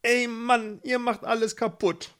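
A man's voice: high-pitched, slow pace, gravelly, darkish tone, pitched above the performer's own voice, full character voice. A man doing a stammering shy young prince. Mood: annoyed. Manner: stammering, hesitant.

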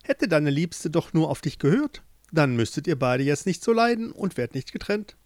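A man's voice: a little high, very animated, normal speed, a little mellow, no room sound, clean studio sound. Storybook ant queen, haughty and commanding, voice pushed way up and swooping, as a male narrator does her. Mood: relenting. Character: grand bossy female ant queen.

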